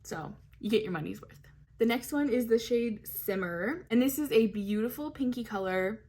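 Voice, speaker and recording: A beauty vlogger at home in hot weather reviews makeup casually, gushing over every product and using lots of fillers. Her voice is on the high side and mellow, at a moderate pace.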